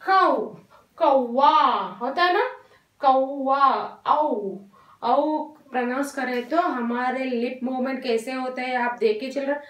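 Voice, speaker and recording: Woman, primary teacher, high voice, slow drilling delivery, roomy, off-mic sound. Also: distant mic. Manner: patient, repeats and drills words, mixes English into Hindi. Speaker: primary school Hindi teacher. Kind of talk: slow online class lesson. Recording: echoey room, voice off-mic.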